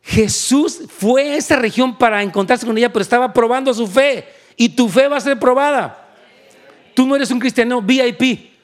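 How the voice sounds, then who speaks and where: A male pastor preaching an animated sermon, switching into English and asking for amens. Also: very high-pitched, moderate pace. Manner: animated, switches into English, asks the crowd for amen.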